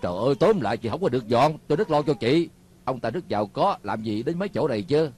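A man's voice: medium pitch, expressive, fast, darkish tone, husky. A man dubbing an earnest, protective neighbor who is simple and stubborn, speaking in an insistent, pleading way. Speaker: voice actor dubbing a drama. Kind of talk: Vietnamese dub of a Hong Kong TV drama.

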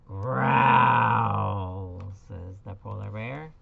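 Slow, sing-song male storytime teacher. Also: mid-range voice, lively intonation, gravelly, phone-quality sound. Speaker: preschool teacher. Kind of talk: reading a picture book aloud to children.

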